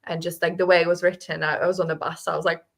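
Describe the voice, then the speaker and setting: A young woman co-hosts a laid-back book club chat, her voice low-ish, creaky and racing along. She's animated and talkative, sprinkling "like" all through her speech.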